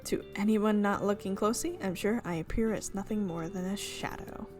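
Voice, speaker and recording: Reading a visual novel's narration for her gaming video, a woman speaks at medium pitch and normal speed with a slightly mellow quality. Frequent slips send her back to fix her words, over soft background music.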